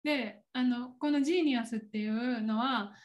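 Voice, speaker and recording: A woman's voice: fairly high pitch, normal speed. A woman with a Kansai Japanese accent chatting casually on a podcast, laughing often as she explains. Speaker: podcast co-host. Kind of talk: casual chat.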